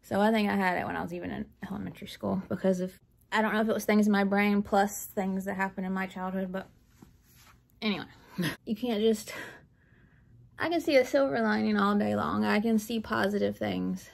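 A woman's creaky, mid-range voice carries fairly even intonation and moves a little fast. Vlogging about books from her living room floor, she shares personal things bluntly and candidly, rambling along and laughing nervously.

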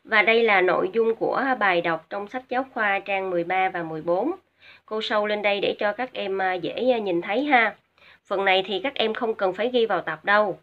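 A woman's voice: medium pitch, a little fast. A Vietnamese woman teaching an English vocabulary lesson to students, explaining words with hesitant fillers. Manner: patient, repeats each word twice for pronunciation drill. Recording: dull lo-fi audio.

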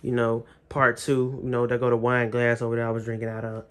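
A man's voice: mid-range voice, level tone, normal speed. A young man chatting casually to camera in a family vlog, slangy, laid-back and teasing. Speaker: family vlogger.

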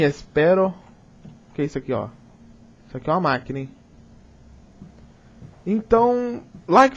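A young gaming YouTuber with a Brazilian Portuguese accent narrates a horror game let's play in a high-pitched voice. He's jumpy, swears, and talks to himself, and the audio is lo-fi.

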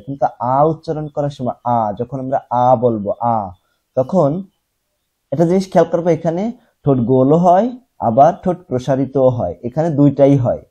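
A young man teaching a class, who explains step by step, asks questions and answers them himself, and repeats sounds slowly to show how they are said. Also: mid-range voice, mellow, breathy edge. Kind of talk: classroom lesson.

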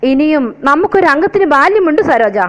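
A woman's voice: high voice, lively intonation, brisk, a bit bright, low-quality recording. A woman voicing a lovesick, remorseful aging man who pleads tenderly. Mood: pleading.

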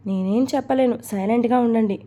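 A woman's voice: a little high, quick pace, mellow, lightly acted. A woman voicing a playful young wife who coaxes and teases her husband affectionately in a storybook reading.

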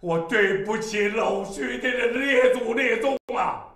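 An actor playing a stern, furious old father who shouts threats at his son in a period TV drama. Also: very high-pitched, a little slow, echoey room. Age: older. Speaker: family patriarch.

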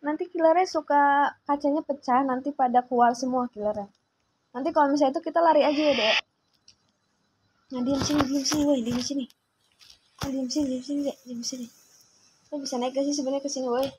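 High-voiced chatty gamer woman. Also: steady tone, a little fast, pauses often, background noise. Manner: chatty and bossy, fussing at a younger sibling. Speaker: gaming streamer. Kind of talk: casual gameplay commentary.

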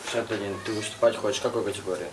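A man's voice: fairly low pitch, fairly even intonation, very fast. Guy interviewing, mic kinda far off, noisy background, mid voice. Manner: prompting, follows up on answers. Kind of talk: casual interview questions. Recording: distant mic with background noise.

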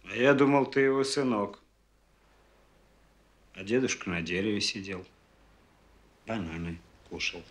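A man's voice: lowish voice, lively intonation, unhurried, long pauses, a little hiss or hum. An actor playing a sardonic, coolly mocking man in a film drama, speaking in terse, dry remarks. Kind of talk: film acting.

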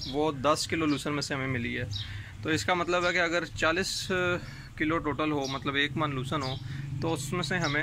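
A man's voice: a little high, sharp tone. A man explains, step by step and with many fillers, how he makes hay for his goats. He is outdoors on a rooftop, speaking to a phone camera he holds. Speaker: rooftop goat farming vlogger. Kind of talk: casual explanatory vlog. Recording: outdoor recording with clear background noise.

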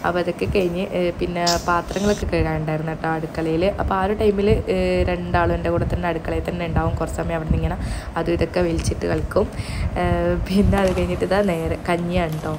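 A young mother chats through her day, throwing in lots of filler sounds. Her voice sits low and stays flat while she talks fast. Clear background noise runs under her voice-over. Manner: chatty, tags sentences with "you know", frequent hesitation sounds. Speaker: vlogger, mother of two small boys.

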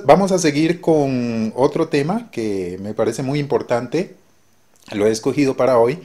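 A man at a middle pitch gives a friendly language lesson to his viewers. He explains patiently and slows down to sound out each example word. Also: darkish tone. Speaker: language teacher. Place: based in Jamaica.

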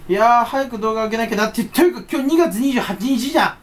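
A man's voice: extremely high pitch, fast, slight background noise. A YouTuber chatting on his own in a casual, playful, rambling way, with a stuffy nose and a habit of slipping into silly voices. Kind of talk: casual solo chat.

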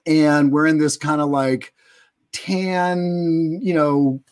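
Higher-voiced man hosting a show. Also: fairly even intonation, slow, a little mellow. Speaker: host of a business show. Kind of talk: live interview show hosting. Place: indoors, live video call.

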